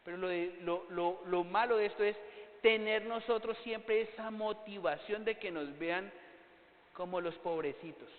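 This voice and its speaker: A high-pitched pastor preaches an unhurried sermon, repeatedly posing rhetorical questions and answering them himself. His voice carries a long reverb, and the audio sounds thin, like a phone.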